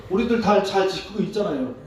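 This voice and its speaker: A man preaching as a pastor, asking his congregation questions in a relaxed, conversational sermon. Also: high-pitched, fast. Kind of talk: interactive sermon. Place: church sanctuary. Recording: echoey hall, distant mic.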